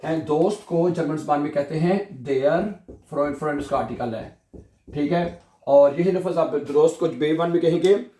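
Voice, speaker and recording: A man's voice: on the high side, unhurried, warm tone, reverberant. A male language teacher giving a vocabulary lesson in Urdu, repeating each word several times as a drill.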